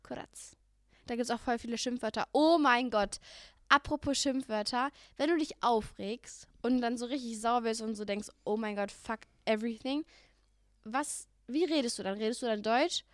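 A young woman co-hosting a casual podcast chat, animated, laughing and swearing freely. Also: fairly high pitch, moderate pace, no echo, clean studio sound. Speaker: podcast co-host.

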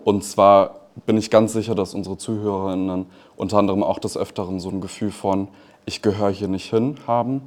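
A man moderating a live event, calmly putting a question to a panelist. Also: fairly low pitch, a little fast.

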